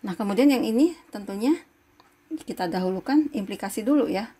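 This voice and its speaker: Patient breathy woman lecturing. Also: mid-range voice, animated, a little fast, dark tone. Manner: patient, explains step by step, many tag questions. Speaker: university lecturer. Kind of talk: recorded online lecture.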